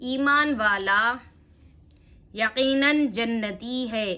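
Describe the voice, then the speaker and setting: Slow bright-voiced woman teaching Urdu reading. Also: a little high. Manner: slow syllable-by-syllable spelling, explaining patiently. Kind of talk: spelling-out reading lesson.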